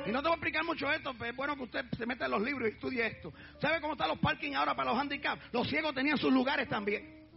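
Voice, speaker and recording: A man preaching a fiery sermon as pastor, shouting out refrains and crying out praises between phrases. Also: very high voice, vocal fry. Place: church. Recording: dull lo-fi church recording with faint music.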